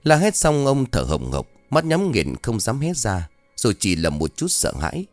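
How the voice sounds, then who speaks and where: A man's voice: mid-range voice, huge pitch swings, normal speed, no room sound, soft background music. A man narrating a horror story in a dramatic, tension-building way.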